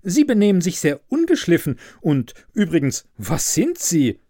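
A man's voice: a little high, wildly swooping pitch, normal speed, mellow, no room sound, studio quality, voice pushed up. A man voicing a haughty, snobbish young woman in a fairy tale, cool and dismissive. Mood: scornful.

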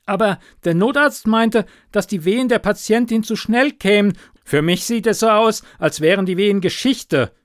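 A man voicing a bossy male police superior who gives curt, loud orders. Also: high-pitched, normal speed, hardly any pauses, dry recording, clean studio sound, pitched above the performer's own voice, natural voice. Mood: barking.

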